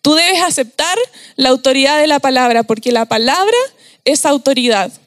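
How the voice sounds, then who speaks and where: A young Chilean woman delivers a youth sermon in a relaxed, slangy way, animated and quick to laugh. Her voice sits high, and the recording is dry and close with little room sound. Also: no room sound. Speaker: youth preacher.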